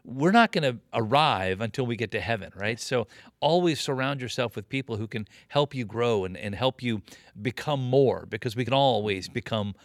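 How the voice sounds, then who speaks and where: A man's voice: medium pitch, animated, normal speed, no echo, studio quality. A man in his late fifties, a pastor being interviewed, talking about leadership in an earnest, preaching way with emphatic repetition. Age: 50s. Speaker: pastor and guest. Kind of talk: conversational interview on ministry leadership.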